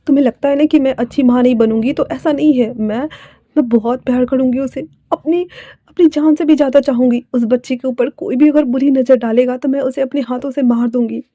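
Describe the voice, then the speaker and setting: A woman voicing a desperate young woman who cries and begs her lover to stay, her pitch pushed high and tearful. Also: fairly even intonation, a little fast, dark tone, no room sound, highs cut off. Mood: pleading. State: crying.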